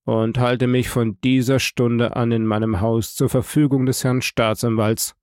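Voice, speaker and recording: A man voicing a shattered middle-aged male prosecutor in an audiobook, speaking in a low, pressed, strangled voice. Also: flat delivery, a little slow, a little mellow, clean tone, no room sound, studio quality, close to an everyday voice. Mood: crushed.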